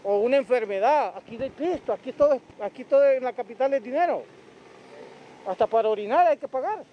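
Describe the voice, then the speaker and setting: A man's voice: extremely high pitch, animated, a little fast, lo-fi sound, a little hiss or hum. A man with a Honduran accent interviewing people outdoors, probing and sympathetic, sometimes lecturing them. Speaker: reporter. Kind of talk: street interview questions. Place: outdoors at a roadside camp. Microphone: handheld mic.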